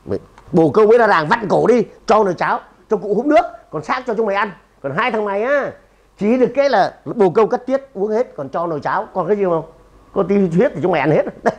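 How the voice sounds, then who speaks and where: Lively, animated man. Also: high-pitched. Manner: emphatic and punchy, often asking the audience questions. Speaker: seminar speaker and trainer. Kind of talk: lively seminar talk to a live audience.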